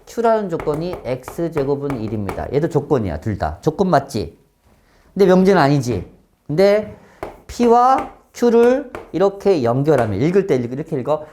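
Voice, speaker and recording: A man teaching a math class, often stopping to check that students follow and switching between polite and blunt speech, with sudden loud exclamations. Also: a little high, sing-song, a little slow, a little hiss or hum.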